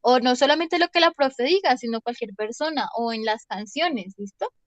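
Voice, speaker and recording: Young woman teacher, slightly high voice, dry sound, patient and checking. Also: moderate pace, no echo. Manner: patient, repeats "¿listo?" to check understanding. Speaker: English teacher. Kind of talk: online class lesson.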